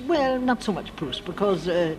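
A very old woman from the United States speaking in a reflective literary interview, halting and sometimes losing her thread. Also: fairly low pitch, animated, crowd noise. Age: elderly, very old. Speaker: interviewee, friend of the writer discussed. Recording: clearly noisy archive interview recording.

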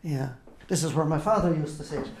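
Older speaker, Cork Irish accent, mid-pitched, conversational guide, storytelling, repeats phrases for emphasis. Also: a little fast, a little mellow. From County Cork, Ireland. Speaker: interviewee and local lighthouse guide who grew up in a keeper's family.

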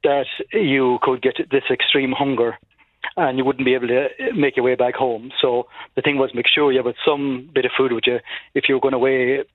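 A man's voice: medium pitch, little pitch movement, normal speed, no echo. An Irish man from County Leitrim, middle-aged or older, conversationally recalling local folklore as a radio phone-in guest. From County Leitrim, Ireland. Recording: tinny narrow phone line on radio.

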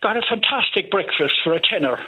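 An Irish man in his seventies calling in over the phone to chat. He talks haltingly and repeats words as he starts his sentences. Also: sits high, lively intonation, pushed and bright, slightly rough. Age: 70s. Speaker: caller. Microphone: telephone. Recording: tinny phone line.

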